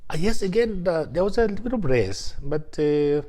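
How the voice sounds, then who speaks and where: An older man with an Indian English accent, a family planning doctor speaking as an interview guest, halting and repeating words, growing animated as he talks. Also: a little high. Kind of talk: conversational interview.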